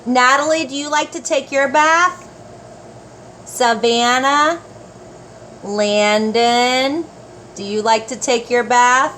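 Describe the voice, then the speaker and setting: There's a little hiss or hum behind this older woman's high voice as she reads a children's story to her grandchildren. She goes slowly and expressively, warmly grandmotherly, pausing for asides aimed at the little ones.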